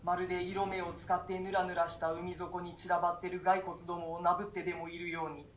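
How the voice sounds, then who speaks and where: In a radio reading of a classic stage play, a voice actor plays a grave male duke in prison, recounting a nightmare in archaic, solemn speech broken by fearful gasps. His mid-range voice stays level and brisk, close to everyday speech. The room echoes, with a little hiss or hum.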